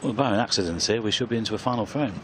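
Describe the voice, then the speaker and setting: A man's voice: lowish voice, racing, fairly bright tone. A man giving live commentary on a snooker match as play unfolds. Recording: clear background noise.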